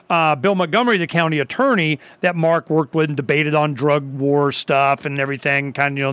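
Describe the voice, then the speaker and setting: A talk show host man with a high, bright voice, chatting loosely and circling back on himself with restarts. The sound is close and dry, with no room around it. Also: no room sound. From Arizona. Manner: rambling, many restarts and quoted asides. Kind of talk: casual chat.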